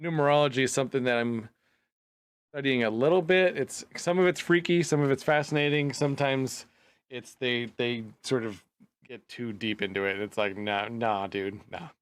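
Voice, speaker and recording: A man's voice: mid-range voice, moderate pace, smooth, no room sound. A man co-hosting a podcast and stream, talking loosely and hesitantly with many restarts. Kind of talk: casual chat.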